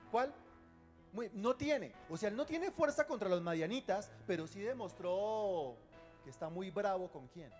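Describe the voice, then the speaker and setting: A male pastor preaching a sermon in a lively, teasing way, often putting questions to the congregation. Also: high voice, measured pace, soft background music.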